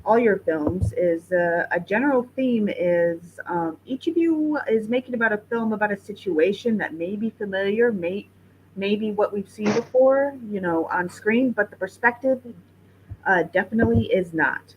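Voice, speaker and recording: A woman's voice: medium pitch, lively intonation, moderate pace, a little hiss or hum, poor audio. A woman hosting a filmmaker Q&A over a video call, chatty and loose, often correcting herself. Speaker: festival director hosting a filmmaker Q&A. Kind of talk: casual video-call panel moderation.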